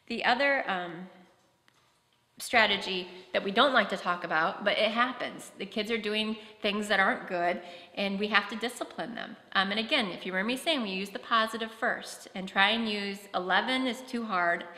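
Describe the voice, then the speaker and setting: A woman's voice: medium pitch, pushed and bright. A woman presenting a practical workshop talk at a conference, explaining with concrete classroom examples. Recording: echoey hall.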